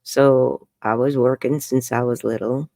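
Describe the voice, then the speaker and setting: This interview guest, a woman in her 70s from New York, has an extremely low, dark voice with vocal fry and fairly even intonation, and she speaks unhurriedly. She tells her life story frankly and chattily, laughing often and saying "bloody." The recording is dry.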